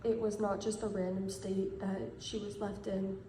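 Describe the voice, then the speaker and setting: A woman in her twenties giving a measured, earnest statement straight to camera. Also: mid-range voice, little pitch movement, mellow, echoey room, a little hiss or hum, rough recording. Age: 20s.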